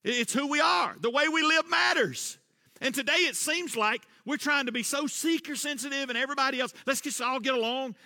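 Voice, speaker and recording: A male pastor with a high, bright voice preaches a sermon in a church sanctuary, his delivery full of emphatic rises and loud repeated refrains. The recording carries a long church reverb.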